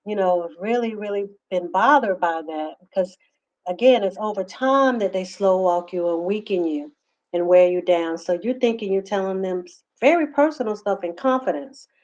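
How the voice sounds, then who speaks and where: A woman's voice: medium pitch, moderate pace, darkish tone. A woman counselor giving earnest advice, talking with many fillers and restarts. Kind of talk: advice talk to camera. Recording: slightly dull lo-fi sound.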